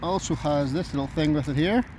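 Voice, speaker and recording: A man's voice: on the high side, fairly quick, a little mellow, rough recording. A man talking casually to camera as a camping vlogger, rambling in an easygoing way and thinking aloud. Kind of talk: casual outdoor vlog talk to camera. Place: outdoors at a tent by a road. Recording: clear outdoor background noise, nearby road.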